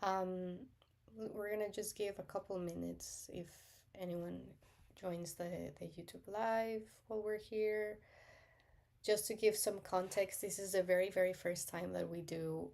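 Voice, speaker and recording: A woman's voice: on the low side, vocal fry, a little mellow. A woman hosting a casual livestream, welcoming viewers and talking hesitantly with many fillers. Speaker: livestream host.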